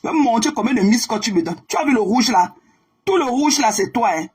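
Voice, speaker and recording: A woman's voice: on the high side, lively intonation, brisk, darkish tone, breathy edge. A woman hosting a live stream, confronting and mocking a rival in a repetitive, combative way.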